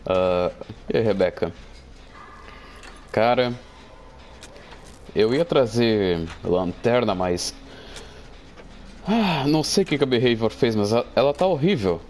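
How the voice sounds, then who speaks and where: A young man with a Brazilian Portuguese accent, casually commenting on his gameplay, excitable and joking, a bit groggy from medication. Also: medium pitch, slow pace, pauses often, a little hiss or hum. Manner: excitable, yelps and jokes at the game. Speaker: gameplay streamer.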